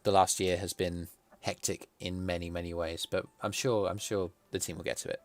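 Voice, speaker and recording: Plummy, posh southern English man, low-pitched. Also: little pitch movement, normal speed, no echo, soft background music. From south of England. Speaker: stream host interviewing artists. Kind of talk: casual livestream chat.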